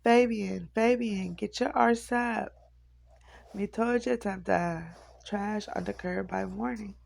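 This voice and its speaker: A woman's voice: mid-range voice, fairly even intonation, slow pace, vocal fry, exaggerated voice. A woman voicing a stern, scolding mother with a Caribbean accent in an audiobook reading. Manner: loud, bossy scolding. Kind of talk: audiobook character voice.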